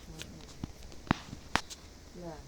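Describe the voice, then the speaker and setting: A woman chatting casually while gaming, telling a story in an animated way and laughing often. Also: very slow. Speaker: gamer chatting while playing. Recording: distant mic with loud background noise.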